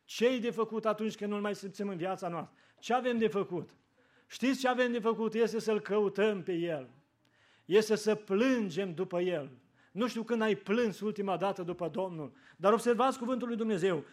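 A man preaching a sermon in a church, fervent, rising to emphatic peaks and dropping to quiet, prayerful lines. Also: sits high.

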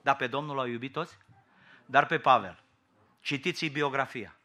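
A man's voice: mid-range voice, bright, forceful tone. A man with a Romanian accent preaching a sermon in a fiery, rhetorical and mocking way.

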